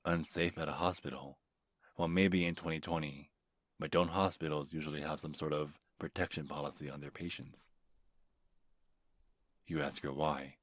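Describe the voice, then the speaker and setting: A man telling a scripted second-person horror story in a calm, measured way. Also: very deep voice. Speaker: narrator and channel host.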